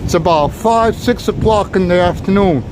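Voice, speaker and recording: A man with a voice that sits high talks at a moderate pace as he walks down a busy city street, giving his viewers a casual walking tour. He's chatty and rambling and speaks directly to them, and the noisy street recording picks up traffic.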